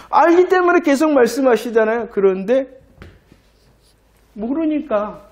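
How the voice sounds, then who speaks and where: Male pastor, higher-pitched voice, sermon delivery built on question-and-answer and repeated phrases. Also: darkish tone. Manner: asks rhetorical questions and answers them himself; repeats key phrases for emphasis.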